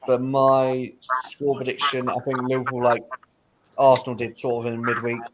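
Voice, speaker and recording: A man's voice: mid-range voice, monotone, normal speed, a crowd in the background, low-quality recording. A man on a football panel giving his view in a laid-back, rambling way. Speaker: panel guest. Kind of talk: casual football chat.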